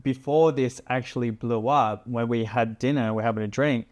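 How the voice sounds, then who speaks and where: A man's voice: mid-range voice, steady tone, normal speed, darkish tone. Laid-back, swearing man hosting a podcast. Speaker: podcast host. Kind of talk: casual chat.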